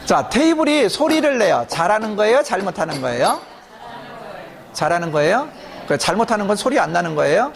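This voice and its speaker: A man's voice: sits high, sing-song, brisk, creaky. A man preaching a sermon as a pastor, often asking his congregation questions and then answering them himself.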